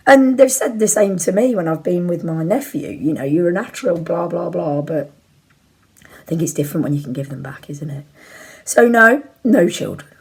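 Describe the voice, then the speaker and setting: A woman in her forties chats to camera from her bedroom at home, vlog-style, answering viewer questions. Her fairly low voice is husky and croaky, as though she's under the weather, yet her intonation stays lively at a normal speed as she rambles candidly and informally.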